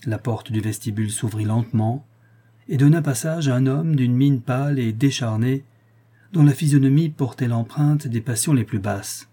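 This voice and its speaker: A man reading a classic novel aloud as an audiobook narrator, in a measured storytelling manner. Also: mid-range voice, mellow, husky.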